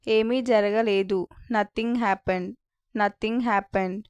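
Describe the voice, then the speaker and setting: Slow, even-toned Telugu-accented woman teacher. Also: medium pitch, clean tone, dry recording, highs cut off. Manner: says each English phrase twice, slowly and distinctly. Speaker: spoken English teacher. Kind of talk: slow repeat-after-me phrase drill.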